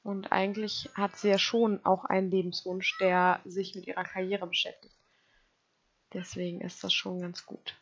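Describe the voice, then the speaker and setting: A woman's voice: mid-range voice, level tone, moderate pace, a bit bright, dull audio. A woman giving casual let's play commentary, chatting to her game characters and to her viewers.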